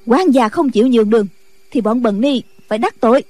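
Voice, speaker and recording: A woman's voice: fairly high pitch, expressive, brisk, dark tone, no echo. A woman voicing a stern, impatient female Buddhist nun who speaks in curt commands.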